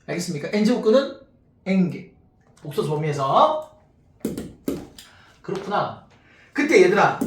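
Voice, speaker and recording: Man, math teacher, casual classroom lecture, keeps checking students follow, roomy echo, mic far away. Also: high-pitched. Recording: echoey room, mic far off, faint noise.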